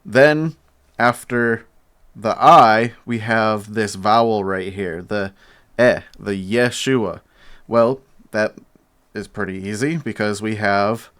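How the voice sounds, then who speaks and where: A man teaching a bible lesson at a whiteboard, explaining slowly and pausing while he writes. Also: fairly low pitch, fairly bright tone, clean tone. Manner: slow, explanatory, pauses while writing. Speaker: church teacher.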